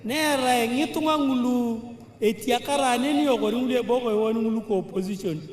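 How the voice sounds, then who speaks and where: A man interpreting a speech live at a rally, in a measured, sometimes sing-song delivery. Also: very high-pitched. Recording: distant echoey PA with long reverb.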